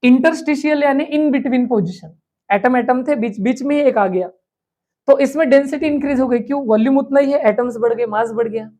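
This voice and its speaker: A woman teacher giving an exam revision lecture. She asks questions aloud and answers them herself, and she slowly repeats key terms. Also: high-pitched, mellow. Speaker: chemistry teacher.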